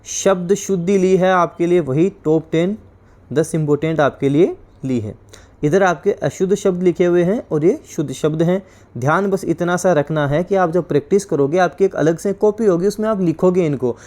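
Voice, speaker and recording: A male teacher from India giving an exam-prep class, explaining each point, repeating it and quizzing his students with questions. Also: moderate pace. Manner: drops to a low, quiet voice on each corrected word.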